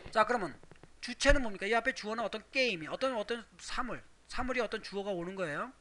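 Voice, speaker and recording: A Korean man teaching English grammar, explaining step by step with rhetorical questions and reading English examples slowly. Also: high voice, animated, pushed and bright. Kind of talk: recorded grammar lecture.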